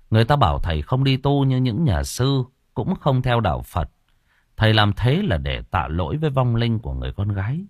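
A man narrating a folk story for an audiobook in an expressive, dramatic manner, recorded close to the mic. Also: lowish voice, no echo.

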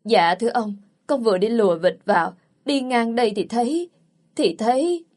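A woman reading the part of a young servant girl with a shrill voice who loudly tattles. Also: normal speed, natural voice. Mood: timid. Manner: wailing, accusing.

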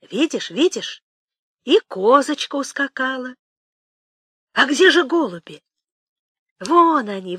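A woman voicing an old village nanny, tender yet sly, crooning and lamenting in a lively, singsong way. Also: sits high, slightly rough, dry recording, clean studio sound, voice pushed up, exaggerated voice. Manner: crooning, lamenting, shifting to hushed whispers.

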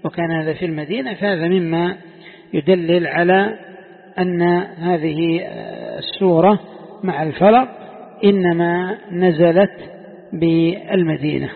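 A sheikh leads a lesson on Quran commentary and keeps throwing questions at his students, repeating phrases to drive them home. His voice sits fairly high. The recording is thin and phone-like, with a long reverb trailing behind him. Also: a little slow, gravelly, long pauses. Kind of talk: classroom lesson. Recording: tinny phone-like sound in a long-reverb hall.

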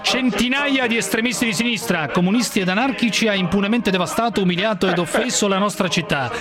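Male host putting on a pompous old newsreel announcer, fairly high voice, solemn declaiming delivery, loud music bed behind. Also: fast talker, lightly acted. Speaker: radio talk show host. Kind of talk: reading a listener's message aloud on air.

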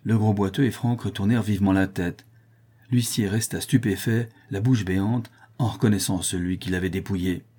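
Dark husky male audiobook narrator. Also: on the low side, normal speed. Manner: animated voicing of dialogue. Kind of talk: scripted narration.

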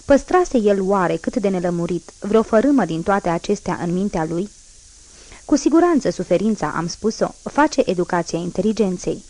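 A woman audiobook narrator reading a classic novel in a measured, solemn manner. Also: medium pitch, expressive, darkish tone, rough recording. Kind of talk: scripted literary narration.

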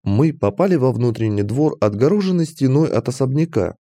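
A man reading a fantasy audiobook aloud as first-person narration, in an animated, expressive manner. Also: mid-range voice, brisk, no room sound.

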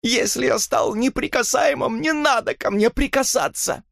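A man's voice: extremely high pitch, normal speed, vocal fry, fairly bright tone, no echo, studio quality, voice pushed up, heavily acted. A man voicing a drunk, self-pitying clergyman who speaks in a sullen, slurred way in an audiobook reading. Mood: self-pitying outburst.

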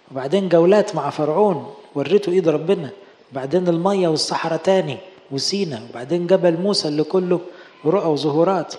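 A man with an Egyptian Arabic accent, a priest preaching a sermon and telling the story with lively acted dialogue. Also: fairly high pitch. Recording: echoey hall with long reverb.

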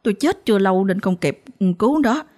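A woman's voice: medium pitch, lively intonation, quick pace, a little mellow, close to an everyday voice. Vengeful young woman's ghost, scolding and accusing, storybook horror, as a woman narrator puts her on. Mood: bitter accusing.

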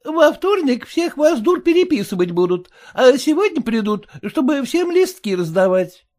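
A reader playing a merchant's wife, middle-aged, fretful, scolding, very high, lively voice. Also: female voice, normal speed. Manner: shrill, scolding, fussing.

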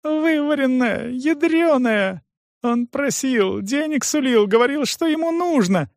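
A man voicing a terrified crippled young man who whines and pleads in a high, sobbing voice. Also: expressive, unhurried, dry recording, clean studio sound, full character voice.

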